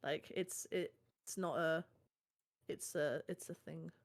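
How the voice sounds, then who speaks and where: Deep-voiced and steady, this woman takes it slowly while co-streaming a card game as a guest. She's a German native with a German accent, and her casual gameplay talk is friendly and agreeable, with frequent "yeah, exactly" affirmations for her partner.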